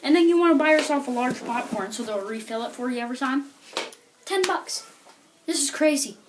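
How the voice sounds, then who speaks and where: A woman's voice: high-pitched, animated, fairly quick, noisy background. Rambling woman telling a stand-up story. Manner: rambling, lots of "like" and "you know".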